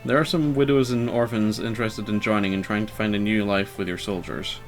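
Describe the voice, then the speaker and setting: A man talks through a video game in a loose, meandering way, stopping often for ums and uhs. His voice sits on the lower side, and he pokes fun at his own play. Faint game music runs behind him. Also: steady tone, a little fast. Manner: rambling, hesitant, lots of fillers; self-deprecating and wry. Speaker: let's player. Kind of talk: casual gameplay commentary.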